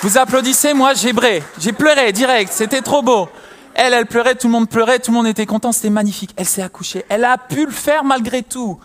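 Young male preacher, high-pitched, lively storyteller who acts out voices. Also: fairly quick, some chatter behind, slight background noise. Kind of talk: sermon with personal story.

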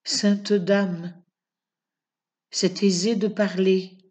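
A woman's voice: medium pitch, little pitch movement, very slow, darkish tone. A woman reading aloud voices a frightened, naive middle-aged male draper who speaks in a raised, pleading way. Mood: sobbing.

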